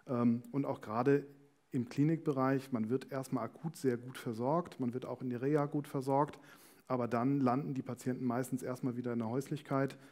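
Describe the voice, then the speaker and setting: Speaking a little fast with a steady, darkish mid-range voice, a man explains things as a guest in an on-stage interview. He's a company managing director seated on a small indoor stage before a talk-show panel, miked with a headset.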